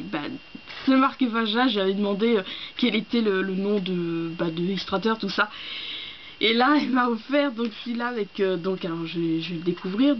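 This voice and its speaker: A young woman from France chatting casually as she unboxes gifts, gushing and excitable, with many hesitations and fillers. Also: mid-range voice. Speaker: book vlogger. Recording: dull lo-fi home recording with faint hiss.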